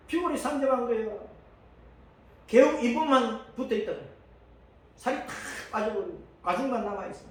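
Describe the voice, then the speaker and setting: A male pastor preaching a sermon, animated and often acting out the voices of the people he quotes. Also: high-pitched, slight background noise. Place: church sanctuary. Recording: echoey church hall from far off.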